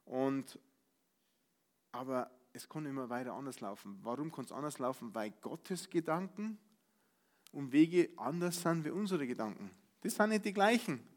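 A Bavarian man preaching a sermon, switching between loud outbursts and soft asides and acting out grumbling voices. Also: mid-range voice, lively intonation, moderate pace.

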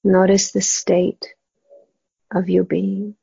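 A dry, slightly muffled recording of a woman leading a guided meditation. She speaks in a soft, hushed near-whisper that is breathy and husky, with a faint creak. Her delivery is gentle and unhurried, with long pauses. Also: mid-range voice, level tone, no echo.

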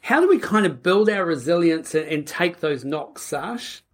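A woman's voice: fairly low pitch, animated, moderate pace. A woman hosting a podcast in a casual, upbeat, conversational style. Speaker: podcast host.

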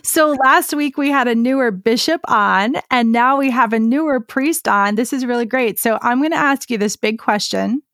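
A woman's voice: on the high side, normal speed, few pauses, a bit bright, dry recording, clean studio sound. A woman hosting an interview podcast, upbeat and enthusiastic. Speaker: podcast host.

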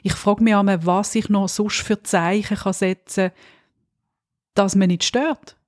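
A woman with a Swiss German accent, co-hosting a podcast and telling stories in a lively, ironic way. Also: medium pitch, unhurried, dry recording, clean studio sound. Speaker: podcast co-host. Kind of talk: casual podcast chat.

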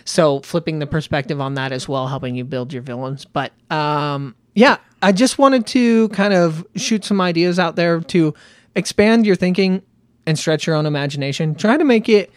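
A man co-hosting a casual podcast chat about running tabletop games, animated and laughing often. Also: fairly high pitch, normal speed. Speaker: podcast co-host and game master.

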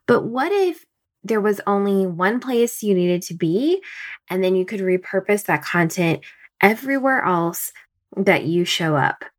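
A woman in her thirties hosting a solo podcast from home early in the morning, her voice a bit raspy, chatty and thinking out loud with fillers. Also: lowish voice. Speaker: podcast host. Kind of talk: casual solo podcast talk.

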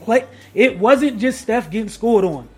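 A man co-hosting a casual sports podcast, emphatic and slangy, building up to loud points. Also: high voice, expressive, measured pace, slightly rough, soft background music. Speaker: podcast co-host.

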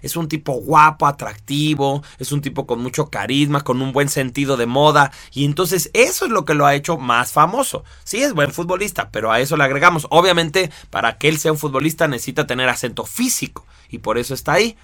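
Bright-voiced man explaining. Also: on the high side, lively intonation, fairly quick, hardly any pauses, no room sound. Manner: conversational, addresses listeners directly with examples. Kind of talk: explanatory talk to an audience.

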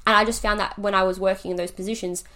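A woman's voice: medium pitch, steady tone, fast, sharp tone. A young adult woman explaining things conversationally, talkative and emphatic, acting out quotes as she goes.

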